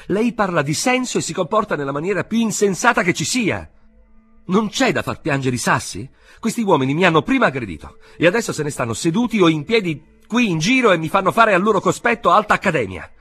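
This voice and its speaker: A man's voice: mid-range voice, big pitch swings, brisk, breathy edge, faint music behind, voice pushed up. A man reading an audiobook voices an arrested man protesting his treatment in a raised, agitated voice. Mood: indignant.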